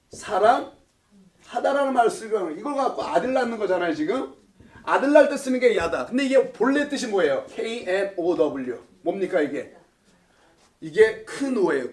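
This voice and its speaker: High-pitched guy pastor teaching bible class, jokey, laughs a lot. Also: a little mellow. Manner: playful, laughs often, quizzes the class. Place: church classroom.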